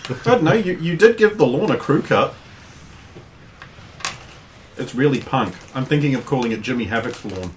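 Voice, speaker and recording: A man's voice: mid-range voice, animated, normal speed, pauses often. A man playing in a tabletop game, joking, swearing freely and laughing often. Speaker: player. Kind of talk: casual banter at a game table. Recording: noisy recording.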